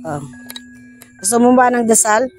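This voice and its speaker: A woman with a fairly high voice hosts a casual ghost-hunting vlog. She coaxes and pleads softly with unseen spirits while investigating outdoors at night. Faint music plays underneath. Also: lively intonation, normal speed. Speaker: paranormal investigator vlogger. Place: outdoors at a bus depot at night.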